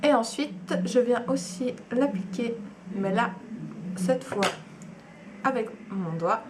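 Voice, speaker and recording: A woman's voice: on the high side, takes it slowly, background noise. A young woman, chatting enthusiastically through a makeup tutorial at home, with frequent fillers and asides. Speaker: beauty vlogger.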